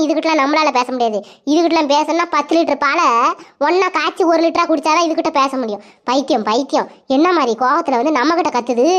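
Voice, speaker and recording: A woman's voice: high-pitched, close to an everyday voice. Woman voicing a grumbling young village housewife. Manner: grumbling, lamenting. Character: put-upon young village housewife, complaining. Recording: dull lo-fi.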